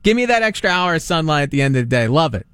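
A Long Island, New York radio host co-hosts a casual sports talk show, animated and joking, riffing and repeating himself. His voice is a little high, fast and smooth, in studio-quality sound with no room sound.

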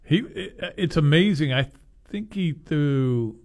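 A man co-hosting sports radio, chatting casually, often halting and repeating words as he thinks. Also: a little high, lively intonation, a little mellow.

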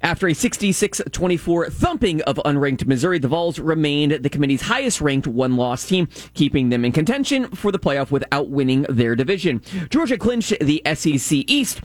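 A man's voice: on the high side, big pitch swings, brisk, hardly any pauses, no room sound. A man co-hosting a sports talk show, reading scores and news and bantering with his co-host.

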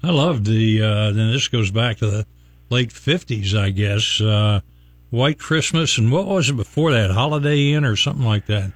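A man hosting a morning radio show, easygoing and quick to laugh with his co-hosts. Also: on the low side, no echo. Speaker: radio host. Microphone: studio microphone.

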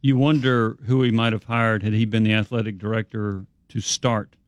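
A man's voice: lowish voice, little pitch movement, normal speed. A man hosting a sports talk radio show and fielding calls from listeners.

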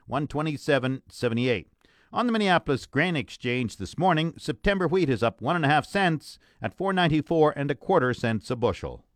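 A man's voice: fairly high pitch, no room sound, studio quality. A man presenting a radio farm report, reading scripted market prices.

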